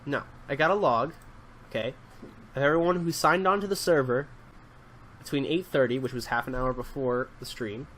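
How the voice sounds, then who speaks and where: A young man with a medium-pitched, fairly bright voice speaks at normal speed while hosting a Minecraft series. He chats casually and improvises a bossy, exasperated detective, using plenty of ums and uhs.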